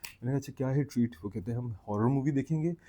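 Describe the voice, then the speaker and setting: Warm husky man telling a funny story. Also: mid-range voice, fast talker. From Pakistan. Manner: animated, acts out friends' lines, laughs while telling. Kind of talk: casual anecdote storytelling.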